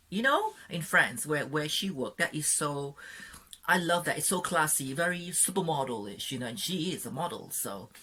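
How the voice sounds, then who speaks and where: A young woman talks through a film review in a gushing, excitable vlog manner. Her voice sits low and a little husky, and she keeps breaking into giggles and quick apologies. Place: Sydney, Australia.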